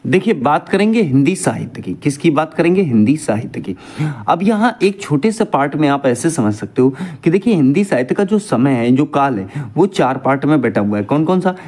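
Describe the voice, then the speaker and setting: Guy teaching an exam prep class, kinda high voice, keeps asking the kids stuff then answering it himself. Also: sing-song, fairly quick, a little mellow. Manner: repeats each point as a question to students; calls students "dear children".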